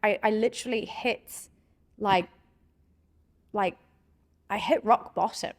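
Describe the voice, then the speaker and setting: A New Zealand woman in her thirties hosting a podcast, talking quickly and casually with many fillers. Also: medium pitch. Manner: fast, chatty, lots of "like". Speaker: podcast host. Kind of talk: casual conversation.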